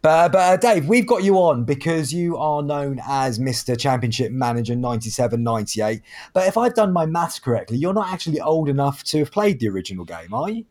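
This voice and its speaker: Chatty male podcast host, mid-pitched voice. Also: very animated, brisk, darkish tone. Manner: chatty, self-deprecating. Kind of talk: casual podcast chat.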